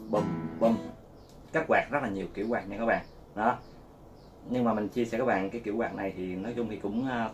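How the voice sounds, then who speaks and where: A man giving a casual guitar lesson, talking in a chatty, repetitive way and counting strum patterns out loud. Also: fairly low pitch. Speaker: guitar teacher. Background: loud guitar playing.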